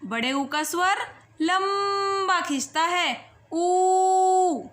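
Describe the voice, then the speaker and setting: A woman teaching young children a Hindi phonics lesson, saying each sound slowly and clearly and urging them to repeat after her. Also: high voice, lively intonation, fairly bright tone. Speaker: primary school Hindi teacher.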